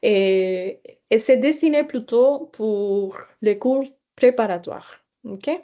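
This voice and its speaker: Mellow woman teacher, hesitant explaining. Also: mid-range voice, slow pace, dull audio. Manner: hesitant, explaining, with fillers and laughs. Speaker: language teacher presenting. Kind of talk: webinar presentation.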